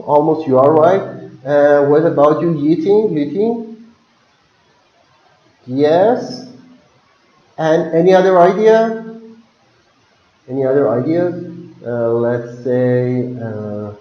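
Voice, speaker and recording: A man with a Persian accent teaching a pronunciation lesson, calling on students by name and drawing out example sentences. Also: on the high side. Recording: echoey, dull lo-fi classroom audio.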